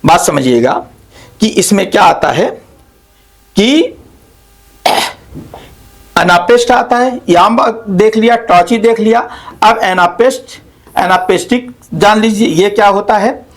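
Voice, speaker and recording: A man's voice: sits high, lively intonation, slow, long pauses. A man teaching poetic meter in a lecture, repeating words to tap out their stresses and correcting himself as he goes. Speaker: literature teacher.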